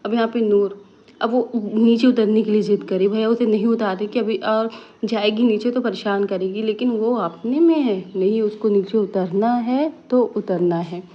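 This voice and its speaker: Young woman vlogger, chatty narration that slips into relatives' voices, mid-range pitch. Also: moderate pace, lo-fi sound. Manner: lively storytelling, acting out family members' lines. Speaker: vlogger narrating family footage. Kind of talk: casual vlog voice-over narration.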